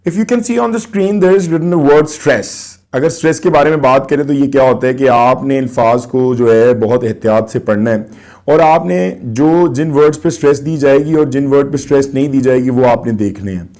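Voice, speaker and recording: A man with a Pakistani accent teaching a class nine English lesson, reading English slowly and explaining quickly in Urdu. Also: mid-range voice, a little mellow. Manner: addresses students directly, asks and answers his own questions.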